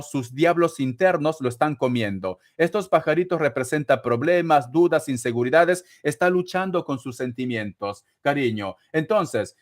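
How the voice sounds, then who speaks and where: A man doing a live-stream tarot reading, chatty and teasing, showering listeners with endearments. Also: on the high side. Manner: constant endearments, chatty and teasing, laughs often. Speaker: tarot reader answering paid chat questions.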